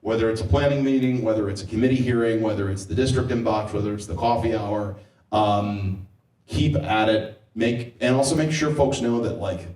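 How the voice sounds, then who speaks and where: Legislator telling stories in an echoey hall. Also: male voice, lowish voice, darkish tone. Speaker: state legislator on a panel. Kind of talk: conversational panel discussion. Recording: echoey room, mic heard from a distance.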